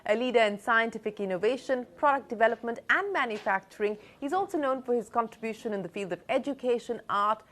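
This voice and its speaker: A woman's voice: on the high side, fast talker, hardly any pauses, fairly bright tone. A woman presenter reading a formal scripted introduction at an award ceremony.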